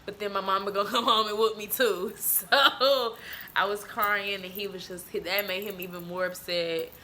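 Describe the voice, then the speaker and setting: Woman, 20s, podcast co-host, bright tone, animated storyteller. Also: medium pitch, normal speed, slight background noise. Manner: animated storytelling, laughs often. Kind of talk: casual chat.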